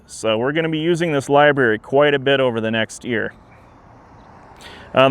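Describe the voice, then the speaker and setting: A man speaking in an earnest, measured, plain-spoken way, giving an informal update to camera as a museum director outdoors. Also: mid-range voice, smooth. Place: outdoors beside a trail, with traffic and wind. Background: traffic and wind.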